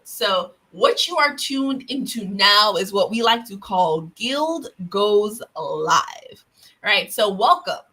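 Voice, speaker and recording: A woman hosts a casual livestream from her home office. Her voice is bright and clear at an ordinary pitch. She rambles in a friendly way, stumbles, and laughs at herself. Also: low-quality recording. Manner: chatty, self-deprecating, lots of fillers. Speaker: host and guild president. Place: home office with open windows.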